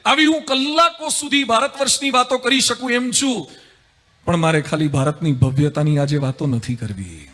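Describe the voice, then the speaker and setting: High, bright-voiced monk telling stories. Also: male voice, moderate pace. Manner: lively storyteller, rhetorical and humorous. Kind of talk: spiritual discourse with anecdotes.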